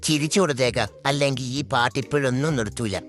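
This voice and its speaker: A man's voice: mid-range voice, fast talker, a bit bright, faint music behind, close to an everyday voice. A man voicing the inner thoughts of a cheeky, scheming toddler boy, confiding mischievously to viewers in a comic voice-over.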